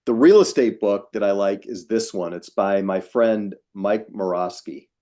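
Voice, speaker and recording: A man's voice: lowish voice, unhurried, warm tone. A man in his sixties, a guest on a video call interview, talking frankly and emphatically with self-mocking asides. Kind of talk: casual interview.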